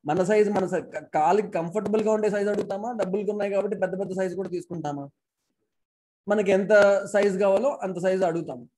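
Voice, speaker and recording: Quick-paced and high-pitched with a warm tone, a man lectures to an online class from a distance over poor audio. His external mic is plugged into a laptop, and he drops in English phrases and rhetorical questions as he goes.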